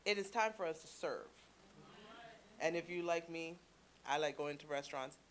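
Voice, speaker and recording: A woman's voice: sits low, normal speed. Chatty woman preaching to a congregation. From Canada. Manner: chatty storytelling with playful asides. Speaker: church speaker. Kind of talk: lively sermon talk to a congregation.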